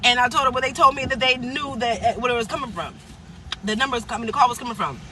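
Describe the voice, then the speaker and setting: High, bright-voiced woman telling a story. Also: fast talker, a little hiss or hum. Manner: loose, rambling retelling with restarts and laughs, acting out quotes. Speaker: vlogger. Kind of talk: casual storytelling while eating.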